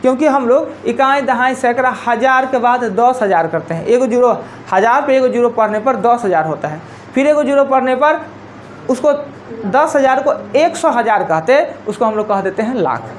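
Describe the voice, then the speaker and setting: A woman's voice: on the high side, expressive, normal speed, slight background noise. Woman teacher with Bihari Hindi accent. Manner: explains step by step, counting digits aloud and repeating key points. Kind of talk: live classroom lecture. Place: classroom.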